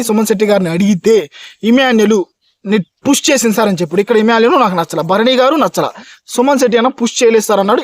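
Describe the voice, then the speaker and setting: High, rapid-fire male reviewer. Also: dry recording. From India. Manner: emphatic, talks straight to fans, repeats points. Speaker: reality show reviewer. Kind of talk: fast opinionated review monologue.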